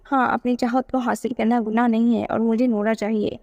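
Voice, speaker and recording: A woman's voice: a little high, level tone, brisk, a little mellow, no echo, dull audio, natural voice. A woman voicing a scheming, possessive young man who talks eagerly, in a read-aloud novel.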